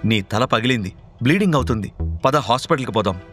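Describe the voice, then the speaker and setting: A man's voice: medium pitch, expressive, quick pace, breathy edge, soft background music. A man voicing a hot-tempered, protective powerful man who fires off urgent questions in a raised voice. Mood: insistent.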